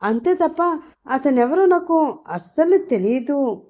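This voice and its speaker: A flustered young woman fumes at her bad luck and fumbles for excuses, as a woman narrator puts her on. Her voice is mellow and warm, a bit higher than the narration. The audiobook recording is dull and lo-fi. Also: expressive, slow. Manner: exasperated inner monologue, higher voice.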